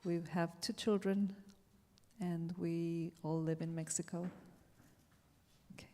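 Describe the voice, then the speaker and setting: A woman from Chile, a cultural astronomer and ethno-ecologist, introducing herself calmly on a panel. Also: on the low side, slow. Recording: long hall reverb.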